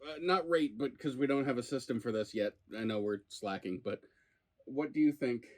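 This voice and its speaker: A man's voice: medium pitch, normal speed, a little mellow. A man hosting a food review in casual chat, probing with playfully incredulous questions. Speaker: food review show host.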